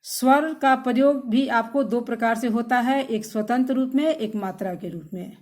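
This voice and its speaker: A woman's voice: a little high, moderate pace, darkish tone. A woman teacher giving a recorded grammar lesson to schoolchildren, patiently repeating definitions and speaking to the children directly.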